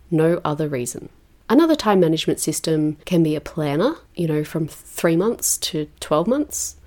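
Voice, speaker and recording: Lower-voiced woman giving upbeat, tidy advice. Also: dark tone. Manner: encouraging, instructional, addressing the listener directly. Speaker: podcast host and writing coach.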